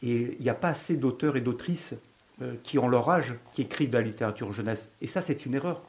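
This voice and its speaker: A man's voice: medium pitch, brisk, a little mellow. A man speaking as a guest on a radio interview, hesitant and repeating words as he talks.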